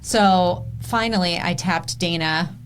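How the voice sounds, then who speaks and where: A woman's voice: fairly low pitch, takes it slowly, slight background noise. A woman hosting a podcast, giving a chatty, enthusiastic intro. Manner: bubbly, enthusiastic. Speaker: podcast host.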